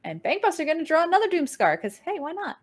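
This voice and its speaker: A woman casting a card game match, giving play-by-play commentary with an upbeat manner and quick swings in pitch and tempo. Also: sing-song. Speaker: game caster.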